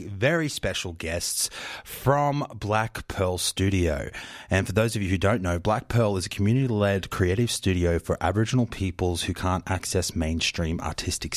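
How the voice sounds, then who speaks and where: A friendly man from the Eastern Torres Strait hosts a radio show from the studio, his voice sitting fairly low. The sound is close and dry, with no room around it. He chats easily and laughs along with his guests. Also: moderate pace, dry recording. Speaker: radio host. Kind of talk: casual radio hosting. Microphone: studio microphone.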